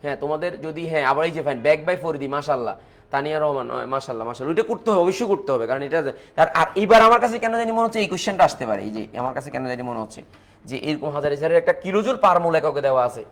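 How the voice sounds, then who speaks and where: A Bangladeshi chemistry teacher with a slightly high, fairly bright male voice talks fast during a live online exam-prep class, in a Bangladeshi Bengali accent. He repeats points, responds to viewers' comments, and walks through calculations step by step.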